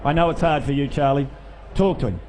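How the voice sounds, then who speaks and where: A man's voice: a little high, fairly even intonation, brisk, darkish tone. A man working as a livestock auctioneer, repeating figures in a rolling bid chant and cajoling buyers between calls. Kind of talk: rapid auction chant with bid calling and sales patter. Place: public yearling auction sale, over noise. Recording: live sale with clear background noise.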